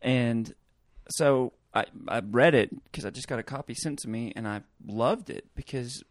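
A man co-hosting a podcast, chatting casually and loosely, often pausing on fillers as he thinks aloud. His voice sits at an ordinary pitch and sounds close and dry, with no room around it. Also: no room sound. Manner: relaxed, hesitant with many fillers. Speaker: podcast co-host. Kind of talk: casual chat.

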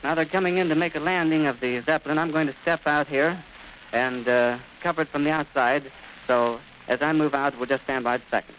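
On a noisy, muffled recording from the 1930s archives, a radio commentator reports live from an airfield outside. His pitch is fairly high and his pace fairly quick, and he describes things vividly like an announcer of that era.

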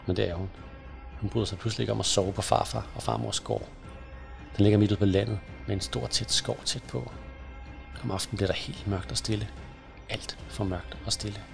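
A man narrating a scary children's story in a hushed, suspenseful way. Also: fairly low pitch, fairly even intonation, gravelly. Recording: soft music under the voice.

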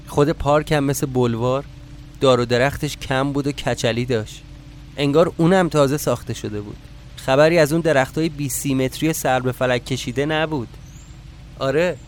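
A man narrating a first-person story for a podcast in a calm, measured, matter-of-fact way. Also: medium pitch, slight background noise.

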